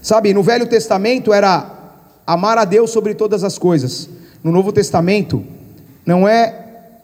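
A man's voice: high-pitched, measured pace, darkish tone, in a large hall. A middle-aged man with a Brazilian Portuguese accent, preaching a sermon and telling personal stories as he speaks straight to the congregation. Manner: storytelling preacher, addresses the congregation directly. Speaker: pastor.

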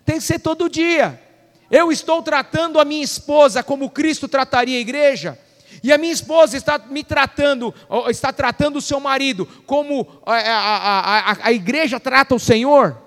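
A man's voice: very high-pitched, moderate pace, fairly bright tone, long reverb tail. A male pastor preaching a sermon, calling questions out to the congregation.

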